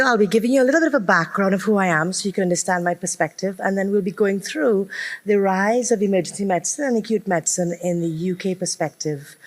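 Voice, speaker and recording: A woman in her fifties from Trinidad and Tobago giving a conference keynote as a consultant physician, measured and dotted with ums. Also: medium pitch. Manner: measured lecturing with frequent ums. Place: large lecture hall. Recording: long reverb of a conference hall.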